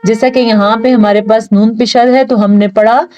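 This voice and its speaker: A woman teaching Quran pronunciation step by step, explaining each rule and then drawing out the recited words slowly. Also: on the high side, steady tone, a little mellow, muffled recording, faint music behind.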